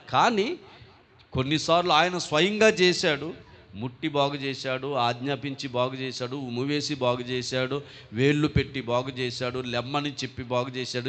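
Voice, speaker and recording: A man preaching a sermon, swinging from loud cries to hushed lines. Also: a little high. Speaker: pastor.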